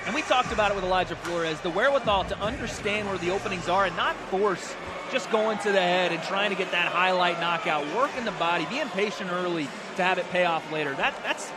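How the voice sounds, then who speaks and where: A man's voice: sits high, fairly quick, heavy background noise. A man giving conversational live fight analysis as a commentator at a boxing broadcast desk.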